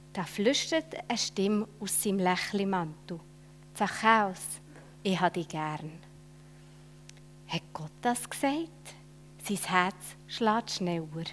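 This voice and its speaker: A woman telling a children's Bible story in an expressive way, with dramatic swells and soft whispered asides. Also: mid-range voice, slight background noise.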